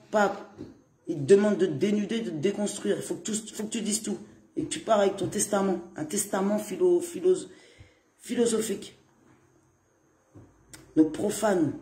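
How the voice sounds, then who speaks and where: Man, high mellow voice, loose chatty live-stream rambling in an echoey room. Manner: rambling, chatty, laughs often, greets viewers. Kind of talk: casual live-stream monologue. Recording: roomy echo.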